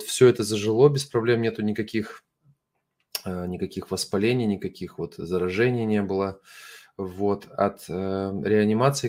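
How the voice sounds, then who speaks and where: A middle-aged man who is not a native Russian speaker, hosting an informal livestream and addressing viewers in an earnest, apologetic, halting way, often searching for words. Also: on the low side. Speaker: host of an online religious ministry broadcast.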